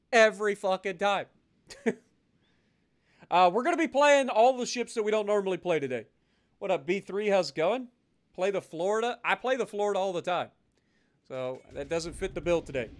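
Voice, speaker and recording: Male game streamer, higher register, off-the-cuff chat and commentary, profane, exasperated griper. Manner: sweary, exasperated griping. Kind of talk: casual live gaming commentary with chat.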